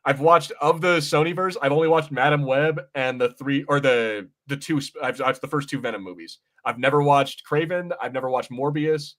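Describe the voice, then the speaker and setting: A podcast co-host chats casually about movies in a fairly bright, mid-range voice at normal speed with few pauses. He often rephrases himself partway through a sentence.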